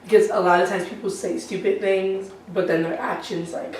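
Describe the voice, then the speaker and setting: Hoarse young woman, sick, giggly, animated, echoey room, clear background noise. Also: mid-range voice, moderate pace, far from the mic. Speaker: panelist. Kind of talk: casual panel discussion.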